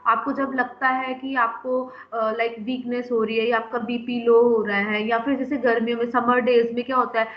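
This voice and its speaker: A woman's voice: a little high, flat delivery, normal speed, few pauses, reverberant, highs cut off. A woman teaching a pharmacy class, explaining step by step, often checking in with the students and mixing in English terms. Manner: explains step by step, keeps asking "है ना?". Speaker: pharmacy lecturer. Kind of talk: classroom lecture.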